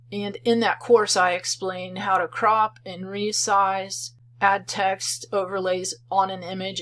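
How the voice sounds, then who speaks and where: A woman who made a software program calmly explains it step by step in a screen-recorded tutorial. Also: medium pitch. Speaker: software creator demonstrating her program.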